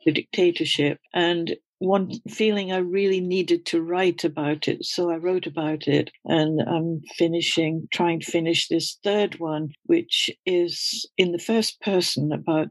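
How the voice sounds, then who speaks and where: An older woman from Scotland, a guest in an interview, reflecting on her life in an unhurried storytelling way. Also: fairly low pitch, steady tone, dry recording. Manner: reflective, storytelling, slight laughs. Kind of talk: conversational interview.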